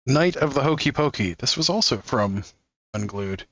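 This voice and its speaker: A man hosts a card-opening video, reading each card's text aloud in a relaxed, amused way. His voice sits in a middle register. He chuckles often between lines, and the sound is dry and close. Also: mid-range voice, moderate pace, dry recording, highs cut off. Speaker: card-opening channel host.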